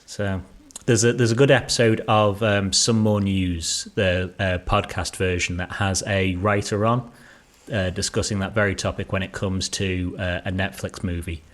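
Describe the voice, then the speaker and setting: A low-pitched man co-hosting a casual podcast chat. He rambles and hesitates, filling his sentences with ums as he works through a point. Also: little pitch movement, normal speed, fairly bright tone. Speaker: podcast co-host.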